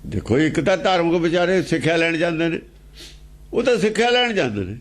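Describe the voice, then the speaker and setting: With a fairly high, sing-song delivery and a brisk pace, a Punjabi-accented religious teacher works through scripture. Key phrases come back again and again, alongside rhetorical questions.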